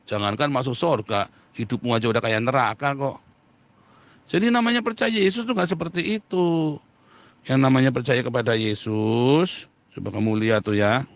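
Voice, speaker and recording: A man's voice: medium pitch, moderate pace, dry recording. A middle-aged man preaching a Bible lesson, reading scripture aloud and firing rhetorical questions with mocking imitations. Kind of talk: sermon-style Bible teaching.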